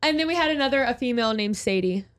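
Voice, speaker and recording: A woman's voice: a little high, lively intonation, quick pace. A woman from Texas co-hosting a radio morning show, telling stories in a chatty, giggly way.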